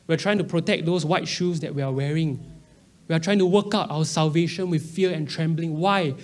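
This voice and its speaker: A Singaporean man in his early thirties preaches in a conversational way. His voice sits a little higher than most men's. He slips freely into Singlish, with its particles and slang, while keeping a Singaporean accent throughout. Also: brisk. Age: early 30s. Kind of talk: conversational sermon.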